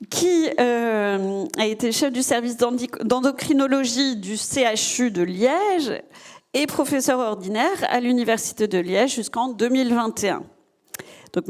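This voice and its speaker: A woman's voice: fairly high pitch, darkish tone. A woman organizing a festival who introduces the guest speaker with many fillers and restarts. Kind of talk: hesitant spoken introduction.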